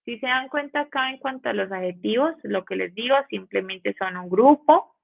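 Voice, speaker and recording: A woman teaching an online English grammar lesson in Spanish with a Colombian accent, slowing down to model English phrases and asking the class rhetorical questions. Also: fairly high pitch, animated, creaky. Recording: phone-like narrow band.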